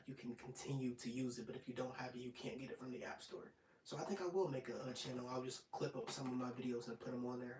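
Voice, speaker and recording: 25 yr old guy rambling on an asmr live stream, pretty monotone, kinda far from the mic in an echoey room. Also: medium pitch. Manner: rambling and relaxed, drops into soft whispers at times. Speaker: ASMR channel host. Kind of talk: casual live-stream chat with viewers. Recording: roomy, off-mic sound with faint noise.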